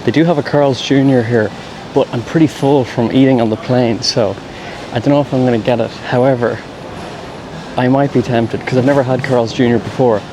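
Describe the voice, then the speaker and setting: Understated man vlogging with little pitch movement. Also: fairly even intonation, a little fast, noisy background. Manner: understated, slangy, rambling asides. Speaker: travel vlogger. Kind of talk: casual vlog commentary. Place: walking around an airport terminal.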